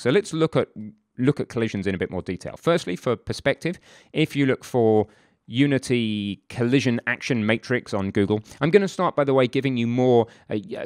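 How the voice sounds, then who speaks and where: A man's voice: lowish voice, no echo. Chatty male tutorial instructor, dry sound. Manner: informal, chatty, self-correcting asides. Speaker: game development instructor. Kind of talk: screen-recorded software tutorial.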